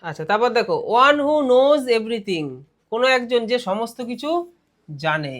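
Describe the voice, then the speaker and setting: A male teacher with a Bengali accent leads a classroom grammar lesson. He reads English phrases out slowly, then explains them briskly, and keeps posing questions to his students. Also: extremely high pitch, sing-song, fairly bright tone.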